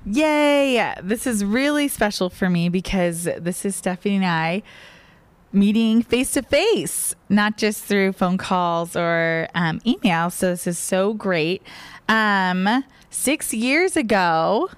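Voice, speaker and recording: Female co-host, casual storyteller, giggly and informal, clear smooth tone, dry sound. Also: mid-range voice, lively intonation, slow, no echo. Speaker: podcast co-host.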